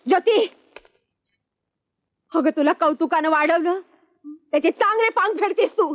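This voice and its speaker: Film role: a middle-aged rustic mother-in-law, scolding, high voice. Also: normal speed. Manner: scolding, lamenting. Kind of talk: film acting.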